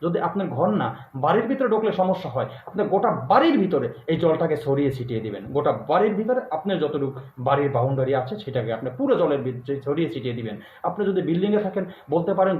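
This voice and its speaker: A man speaking as a spiritual guru, talking slowly and repetitively and chanting a mantra in a drawn-out cadence. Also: on the high side. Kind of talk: instructional spiritual talk to viewers. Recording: echoey, tinny phone-like sound with faint noise.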